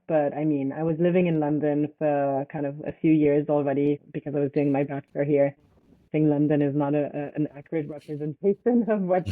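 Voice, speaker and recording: Over a tinny line that sounds like a phone, a young startup founder from Switzerland speaks in a low voice, responding to interview questions in a loose, faltering way packed with fillers.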